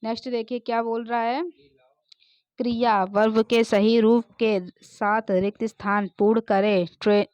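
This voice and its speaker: A woman teacher going through multiple-choice exam questions, reading English sentences slowly and explaining answers. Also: a little high, level tone, a little mellow, no echo. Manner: frequent "ok, next dekhiye" refrains. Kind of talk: exam-prep lesson, reading MCQ options and answers. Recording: dull, dry, lo-fi sound.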